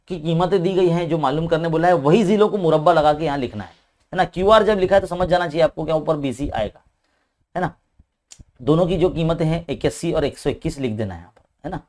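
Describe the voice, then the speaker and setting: A man's voice: on the high side, darkish tone. A man with an Indian Urdu-speaking accent, a maths teacher working through an exam paper step by step and often adding a questioning "hai na". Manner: talks quickly. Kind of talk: paper-solving lesson.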